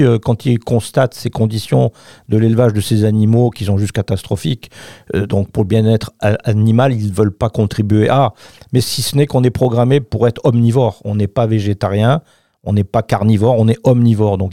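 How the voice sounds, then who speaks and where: A man explaining health matters on the radio with plenty of emphasis. His voice is gravelly and mellow, and the studio sound is close and dry. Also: fairly low pitch, steady tone, a little fast, no echo. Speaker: doctor guest.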